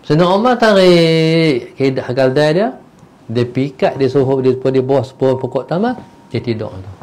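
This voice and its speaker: Man, religious teacher, animated storytelling lecture, loud bursts and soft asides. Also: mid-range voice, normal speed. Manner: animated, acts out the characters' voices.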